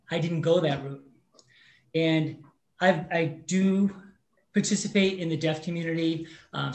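Earnest fifty-something man, roomy echo. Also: fairly high pitch. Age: 50s. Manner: earnest, animated anecdote telling. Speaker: mortgage loan officer, podcast guest. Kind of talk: storytelling in an interview. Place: Rhode Island. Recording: roomy echoey room.

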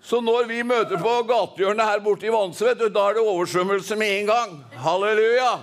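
Fervent high-voiced preacher. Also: male voice. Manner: fervent, rhythmic, calls for congregation responses. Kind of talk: Pentecostal sermon.

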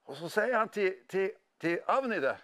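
A middle-aged man preaching a sermon, telling stories in an animated way with casual slang. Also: high voice. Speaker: pastor. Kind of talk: sermon with storytelling.

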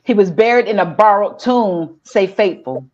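Female preacher, measured declarative delivery, muffled lo-fi sound. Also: mid-range voice, expressive, a little mellow. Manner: slow declarative call and response. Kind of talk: sermon.

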